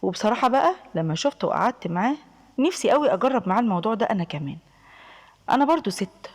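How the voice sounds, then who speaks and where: A woman's voice: mid-range voice, a little mellow. A young woman with an Egyptian accent telling a first-person story in a confiding, emphatic way.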